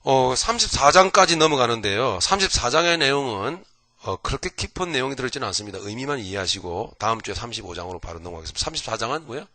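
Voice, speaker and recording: This early morning Bible lecture comes from a male pastor speaking fast at a medium pitch. He's folksy and animated, lurching between shouts and whispers and regularly checking in with a "right?", all captured in a dry recording.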